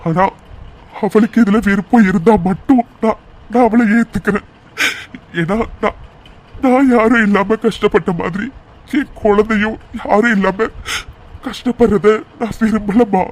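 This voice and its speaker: Remorseful young man, male voice actor, high and earnest, cartoon. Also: lightly acted. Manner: earnest, apologetic. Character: remorseful young man, once bitter and lonely. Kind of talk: cartoon voice acting.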